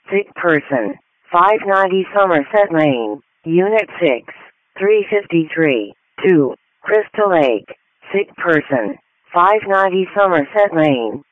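A man's voice: sits high, no echo. A man making clipped emergency dispatch announcements over a narrowband police radio channel.

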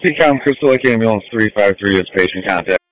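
Low-voiced ambulance crewman on radio. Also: lively intonation, fast, a bit bright, dry recording. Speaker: ambulance crew member. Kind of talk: procedural radio status report. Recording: dull close two-way radio.

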